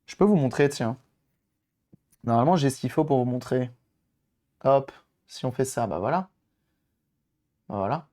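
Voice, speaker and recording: Hoarse male streamer, casual and chatty, mid-pitched, talking viewers through hands-on modding work. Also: animated, moderate pace, long pauses, mellow. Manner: chatty, talks to viewers while tinkering, thinks aloud. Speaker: streamer doing electronics modding. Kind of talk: casual live-stream chat while working.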